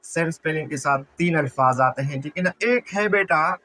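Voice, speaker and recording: A man's voice: on the high side, moderate pace, bright, forceful tone, low-quality recording. A man teaching English vocabulary, repeating words and asking and answering his own questions to his students. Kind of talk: classroom-style lesson explanation.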